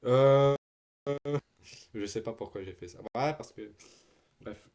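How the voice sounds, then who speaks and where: A man's voice: medium pitch, takes it slowly, a little mellow, muffled recording, slight background noise. A teenage boy live-streaming from home, chatting loosely with slang and swearing, full of restarts and trailing fillers. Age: teens. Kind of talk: casual live-stream chat.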